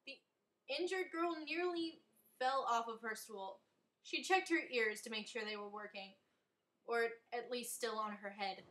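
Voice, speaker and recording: Woman reading her own story, bright voice, takes her time, kinda wry. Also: a little high, a little slow, low-quality recording.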